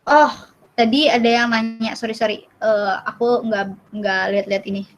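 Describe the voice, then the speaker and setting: A young woman with an Indonesian accent teaching a casual online Russian class over a video call, with fillers and apologies, repeating words slowly for learners. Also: fairly high pitch, steady tone, low-quality recording. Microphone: computer mic on a video call.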